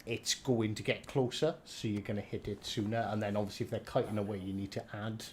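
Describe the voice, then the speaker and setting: A man's voice: lowish voice, flat delivery, a little fast, a little mellow, a little hiss or hum. A man in his thirties with a Welsh valleys accent, chatting casually and jokily on a gaming livestream, swearing freely. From South Wales valleys. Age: 30s. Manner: sweary, jokey. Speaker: live streamer and gaming video maker. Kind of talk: casual banter and game advice on a livestream.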